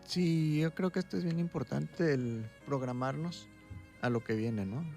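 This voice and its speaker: A man, a doctor speaking as a guest expert in an interview, calmly explaining and often checking in with a quick "right?". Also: a little high, creaky, faint music behind. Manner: calm, explaining, tags points with "¿sí?".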